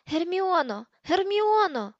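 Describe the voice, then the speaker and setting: Woman doing a panicky teen boy yelling, high-pitched. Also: fast talker, no room sound, dull audio. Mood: frantic. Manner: shouting, desperate. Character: frantic teenage boy wizard.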